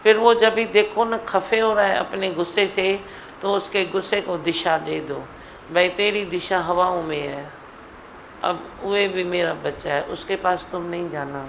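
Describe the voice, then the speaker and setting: A middle-aged woman leads a devotional gathering in a community hall, speaking in a gentle, homely teaching manner. Her voice has a gravelly, creaky texture. A faint hiss sits under the recording. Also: lowish voice, fairly even intonation, a little slow. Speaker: spiritual teacher leading a satsang.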